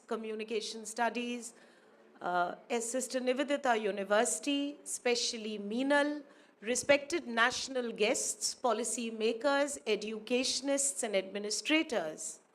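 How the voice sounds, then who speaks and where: In a university auditorium, an academic woman from India whose first language is Urdu gives a formal ceremony speech as guest speaker. Her voice is high and a bit bright, her pace slow, and she speaks in a measured, formal way, repeating phrases for emphasis.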